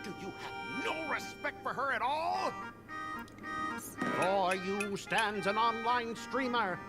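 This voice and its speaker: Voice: medium pitch, poor audio. An actor voicing a hot-headed, aggrieved schoolboy in a game, bombastic and indignant. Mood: pompous outrage. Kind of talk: theatrical scripted game voice acting. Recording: voice over loud game music.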